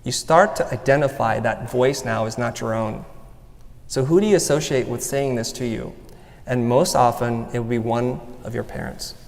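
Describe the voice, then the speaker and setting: A man's voice: medium pitch, normal speed, creaky. A man giving a motivational talk on stage, earnest and personal as he walks the audience through an exercise. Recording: long hall reverb.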